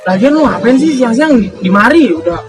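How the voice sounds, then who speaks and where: A naive young Betawi man, as an actor plays him, puzzled and questioning, muttering to himself. His voice is very high and swings widely in pitch. Music plays clearly behind him. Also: sing-song, fairly quick. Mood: teasing. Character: naive young man who takes things literally. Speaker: actor in a comedy skit. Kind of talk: amateur comedy short film.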